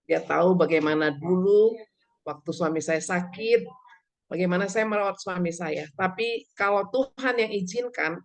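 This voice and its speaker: A woman's voice: fairly low pitch, creaky. An older woman from Indonesia gives an earnest church testimony over a video call, telling her story and acting out the dialogue. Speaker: testimony speaker.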